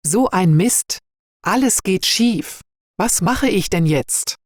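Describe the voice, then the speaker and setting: A woman's voice: mid-range voice, a little slow, no echo, clean studio sound, natural voice. A woman voicing an annoyed young male baker in a read-aloud story for learners, grumbling and exasperated.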